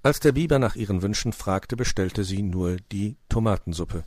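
A man narrating a children's storybook in a calm, low-key way. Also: normal speed, no room sound.

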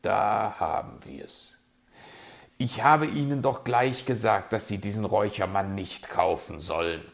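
A man's voice: fairly low pitch, animated, measured pace, a bit bright, heavily acted. Man doing a grumbling, know-it-all fox. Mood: grumpy. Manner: grumbling, gruff, sardonic.

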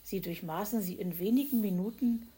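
A woman's voice: medium pitch, a little fast, mellow, breathy edge. A woman reading a children's animal story aloud as the narrator.

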